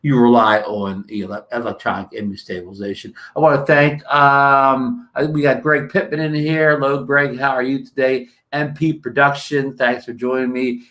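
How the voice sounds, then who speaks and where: A man's voice: mid-range voice, little pitch movement, normal speed, hardly any pauses, fairly bright tone. A man from New Jersey hosting a casual livestream, rambling with many fillers and restarts and greeting viewers, his throat dry. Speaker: livestream host.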